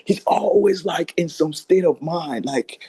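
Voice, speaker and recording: A man's voice: fairly high pitch, measured pace, mellow, breathy edge. A man with a Ghanaian accent chatting casually in a Rastafari reasoning manner, mixing Pidgin-flavoured English with Twi. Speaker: participant in an online Rastafari discussion. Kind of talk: casual chat.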